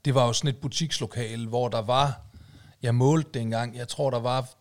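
A man's voice: medium pitch, steady tone. A man co-hosting a casual podcast chat, telling long stories full of fillers. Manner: rambling storyteller, many fillers and "du ved, ikke?". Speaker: podcast co-host.

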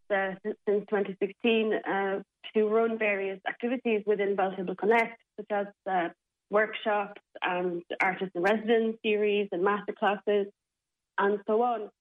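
A woman's voice: mid-range voice, fairly even intonation, measured pace. Woman on a tinny phone line. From Czech Republic. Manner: hesitant, many fillers and restarts. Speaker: interview guest, theatre programme manager. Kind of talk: radio interview.

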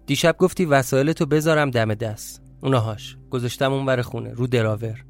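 Guy reading a sweet young wife in an audio story, gentle and coaxing, kinda teasing, mid-pitched voice with faint music under it. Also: close to an everyday voice. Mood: chatty. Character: kind affectionate young wife figure, woman.

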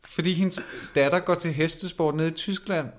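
A man's voice: fairly high pitch, fairly even intonation. Man chatting casually, playful and teasing. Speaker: podcast co-host. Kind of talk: casual chat.

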